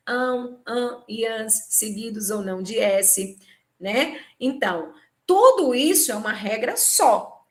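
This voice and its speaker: A woman with a Brazilian Portuguese accent leads a live exam-prep lesson over a video call. Her voice is bright and sits a little high, with an explanatory rhythm full of tag questions. She is heard through a computer microphone. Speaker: Portuguese teacher. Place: home or office, live video conference.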